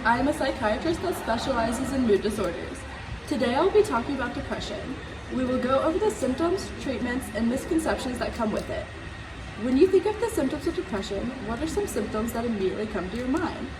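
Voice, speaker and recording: Calm psychiatrist puppet played by a woman, measured and instructive, higher-pitched, roomy noisy recording. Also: crowd noise, close to an everyday voice. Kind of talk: scripted educational puppet skit. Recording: roomy, distant mic, noisy background.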